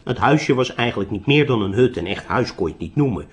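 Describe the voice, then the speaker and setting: A man narrating a storybook tale in an expressive reading voice. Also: medium pitch, fast.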